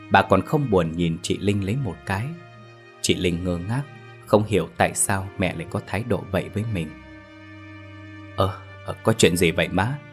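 A man narrating a ghost story as a storyteller, with a measured, dramatic delivery. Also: sits low.

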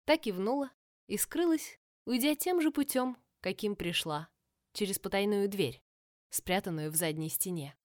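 A woman reading a novel aloud as audiobook narrator, in a measured, expressive storytelling manner. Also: medium pitch, dry recording, clean studio sound.

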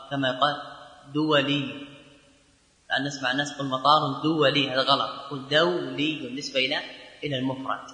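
A man teaching a grammar lesson, explaining rules step by step and drawing out example words slowly. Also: mid-range voice, bright, forceful tone, roomy sound, big-room sound. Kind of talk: classroom lecture.

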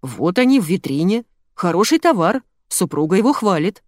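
A woman's voice: lowish voice, very animated, moderate pace, darkish tone, no room sound. A woman playing a fussy, pompous man in line. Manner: pompous, overly formal. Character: fussy, polite man in a queue.

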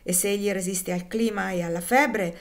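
A woman voicing a callous, businesslike male slave trader, brisk and matter-of-fact. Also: medium pitch, fairly even intonation, natural voice.

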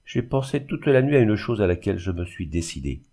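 Guy doing an unhappy young girl, proud and pleading, kinda low and dark for a girl, storybook reading. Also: sing-song, fairly quick, creaky, full character voice. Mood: distressed. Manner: earnest, pleading.

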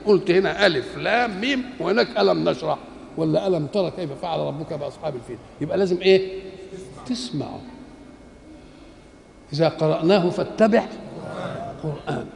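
Older egyptian man lecturing on the quran, gravelly voice, lots of "what?" questions he answers himself, echoey hall. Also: fairly high pitch, a little mellow, slight background noise. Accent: Egyptian Arabic. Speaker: Islamic scholar. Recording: echoey hall with faint ambience.

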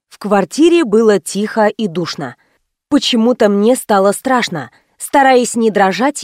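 A woman's voice: on the high side, darkish tone, no room sound, studio quality. A woman narrating a first-person audiobook in a wry, ironic storytelling manner.

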